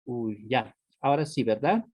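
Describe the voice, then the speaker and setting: Unhurried, with lively intonation and a darkish mid-range voice, a man teaches an online class in a dry recording. He checks understanding with "¿no?" and "¿sí?" after almost every phrase, repeating words as he patiently explains.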